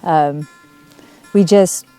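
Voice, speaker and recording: A woman's voice: low voice, very slow, dark tone, clear, resonant tone, faint music behind. An American woman from Montana, chiming in briefly and finishing her partner's sentences in a casual interview. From Montana, USA. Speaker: interviewed traveler.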